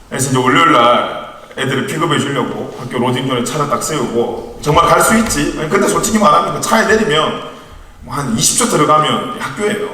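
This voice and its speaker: A youth ministry evangelist in his thirties, who ministers to young adults, delivers a chatty sermon in a church hall, sharing family stories with light humor. His mid-range voice sounds bright and forceful, picked up from far off in an echoey hall.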